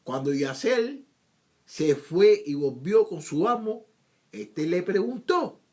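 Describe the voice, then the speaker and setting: A man's voice: sits high, animated, slow pace, a little mellow. A man teaching scripture, reading verses aloud and explaining them in his own words, often repeating himself and asking rhetorical questions. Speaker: Bible teacher.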